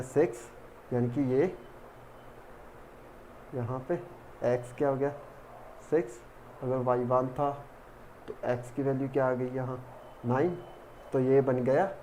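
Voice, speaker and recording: A man's voice: medium pitch, mellow, a little hiss or hum. A man teaching a math lesson step by step, counting terms aloud as he works. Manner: talks while working, counts terms aloud. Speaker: math tutor.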